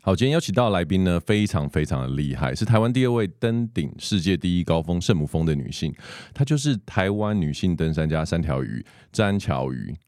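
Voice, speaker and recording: A man's voice: deep voice, expressive, brisk, darkish tone, no room sound, studio quality. A man with a Taiwanese Mandarin accent, hosting a podcast in a conversational way. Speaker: podcast host. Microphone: close podcast microphone with headphones.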